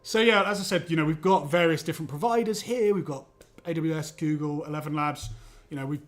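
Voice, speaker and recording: A man explains software in a casual livestream demo. He talks in a relaxed, easygoing way. His voice sits a little higher than most men's. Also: brisk. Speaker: guest presenting software.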